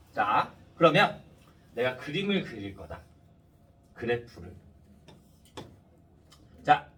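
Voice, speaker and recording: A man with a high voice teaches math at an unhurried pace, swinging widely in pitch as he puts questions to students. His speech is a bit slurred and lisping, like a mouth numb after tooth extraction. He sounds somewhat away from the microphone. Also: fairly bright tone, recorded from a distance. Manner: didactic, checks understanding often. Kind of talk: step-by-step math lesson with rhetorical questions to students.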